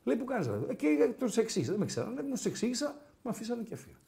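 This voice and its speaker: A man's voice: very high-pitched, gravelly. A man co-hosting a sports talk show, telling anecdotes and acting out the dialogue in casual banter. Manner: animated storyteller who acts out dialogue.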